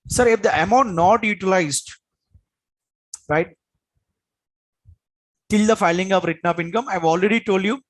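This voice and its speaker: Man, Indian accent, high-pitched, lecturer, emphatic, repetitive, classroom teaching style. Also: rough recording. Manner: emphatic, repetitive, with frequent check-in questions. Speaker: tax lecturer, exam coach.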